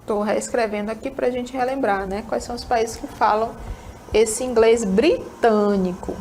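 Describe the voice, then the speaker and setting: Her pitch sits on the high side, steady in tone and a little mellow, spoken at normal speed over a bit of hiss or hum. She's a female English teacher with an Amazonas accent, leading a recorded lesson peppered with tag questions.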